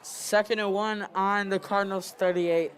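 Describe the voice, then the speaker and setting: A young man co-commentating a high school football game, casual and a bit halting. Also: steady tone, a little hiss or hum. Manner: casual, halting, breaks into laughter.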